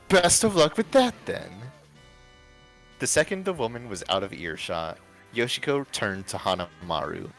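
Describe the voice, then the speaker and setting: Music plays while a livestream narrator, whose voice is low with a bit of brightness, performs an expressive fan fiction read-aloud. He keeps the mood loose with casual side comments.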